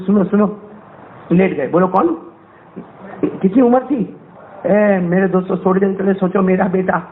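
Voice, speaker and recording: High-voiced preacher, fervent, tinny sound. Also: male voice, a little hiss or hum. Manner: fervent, repeatedly quizzes the audience. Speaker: Islamic preacher. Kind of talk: emotional sermon storytelling.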